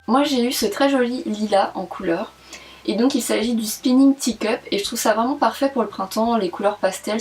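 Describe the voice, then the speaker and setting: A woman's voice: fairly high pitch, far from the mic. A young woman chatting candidly through a beauty box review in a casual vlog. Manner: chatty and candid, frequent "franchement" and "super".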